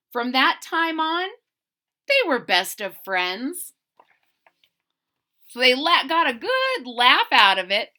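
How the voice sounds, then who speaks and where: Her voice sits high as she reads a children's story aloud with expressive, dramatic flair, chatting to the young audience in little asides along the way.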